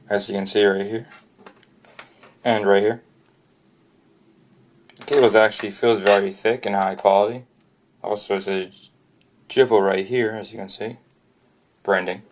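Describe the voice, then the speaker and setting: A man's voice: fairly low pitch, steady tone. A man narrating an unscripted product review off the cuff, often stopping to restart and correct himself mid-sentence. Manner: halting, frequent restarts and self-corrections.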